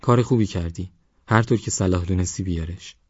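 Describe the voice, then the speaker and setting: A man's voice: sits low, breathy edge, no echo. A man doing a terse, wounded fugitive. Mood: quiet. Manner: quiet, terse. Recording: dull lo-fi audio.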